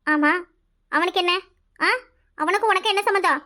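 A woman voicing a domineering, scheming middle-aged village mother in a cartoon, with a Kanyakumari Tamil accent, scolding fast and loud. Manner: shrill, scolding, fast, rising to yells. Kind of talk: cartoon voice acting.

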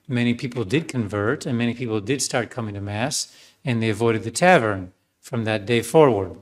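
A male priest with a mid-range voice delivers a sermon, telling a story conversationally with plenty of fillers and ironic asides.

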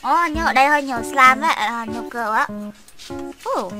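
A woman hosting a gaming channel, chatting casually while she plays and squealing excitedly at surprises. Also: high voice, fairly quick. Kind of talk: casual gameplay chat. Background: game music.

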